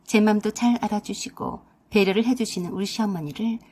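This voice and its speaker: A woman telling a first-person radio drama story in a calm, matter-of-fact way. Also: mid-range voice, a little fast, slightly rough.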